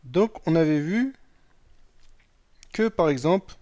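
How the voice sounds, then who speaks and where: Slow, patient man teaching Arabic grammar. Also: fairly high pitch, animated, darkish tone. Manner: patient, explains step by step, often asks "d'accord?"; reads Arabic sentences aloud, then translates them. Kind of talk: recorded lesson explaining Arabic grammar.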